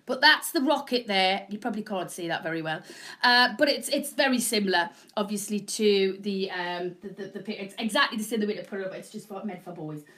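A middle-aged woman with a Northern English accent hosts live home shopping in rambling, jokey, chatty patter, snotty with a cold and coughing. Her voice is medium-pitched, fairly bright and a little fast. She's in a small indoor room, picked up by a camera mic at short distance rather than a proper mic.

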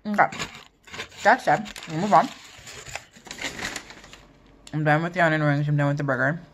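A woman with a low voice chats to her viewers during a mukbang, pausing to hum over her food. There is a faint hiss of noise behind her. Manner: chats between bites with eating sounds and hums. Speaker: mukbang vlogger. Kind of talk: casual mukbang chat while eating.

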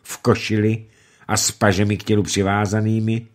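A man narrating a novel aloud for a radio reading, in an expressive, dramatic way. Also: on the low side.

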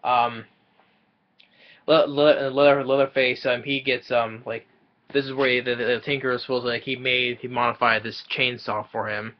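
A man's voice: mid-range voice, little pitch movement, normal speed, highs cut off. A young man casually recapping a film's plot from a small room, often stumbling and repeating words as he goes. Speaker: movie reviewer.

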